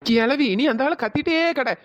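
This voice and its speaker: A woman's voice: high-pitched, normal speed, no room sound, dull audio, close to an everyday voice. A woman voicing a bossy, mocking young wife in a cartoon. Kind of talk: cartoon voice acting.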